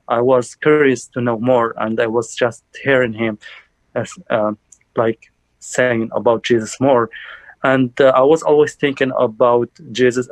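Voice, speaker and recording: Young man from Algeria, halting testimony. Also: medium pitch, no echo, rough recording. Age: young adult. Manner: halting, many fillers and restarts. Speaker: church member giving testimony. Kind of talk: personal testimony.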